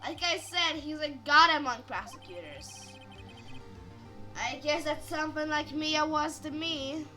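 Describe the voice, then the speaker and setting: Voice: sits high, unhurried, pushed and bright, faint music behind. A player voicing an earnest young male defense attorney in a plain, everyday voice.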